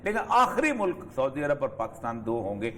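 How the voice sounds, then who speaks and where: A man's voice: mid-range voice, huge pitch swings, slight background noise. A man from Pakistan giving emphatic, lecturing political commentary on a TV studio talk show. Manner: emphatic, lecturing, rising forcefully on key points.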